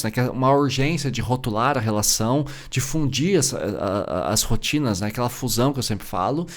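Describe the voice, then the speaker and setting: Brazilian man, forties, quick chatty podcast host, loose asides and fillers. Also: mid-range voice. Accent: Brazilian Portuguese. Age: 40s. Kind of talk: casual solo podcast talk.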